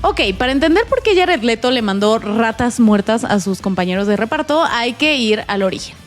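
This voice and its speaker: A woman's voice: a little high, animated, normal speed, faint music behind. A young woman with a Mexican accent hosting a casual film commentary vlog, slangy and playful with jokey asides, recorded in a provisional home spot. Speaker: film vlogger and host.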